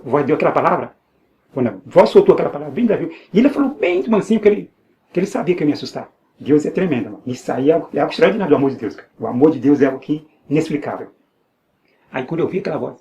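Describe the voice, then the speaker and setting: A man's voice: on the high side, a little mellow. A man with a Brazilian Portuguese accent giving an earnest personal religious testimony, repeating phrases and restarting often. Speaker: evangelical believer giving testimony.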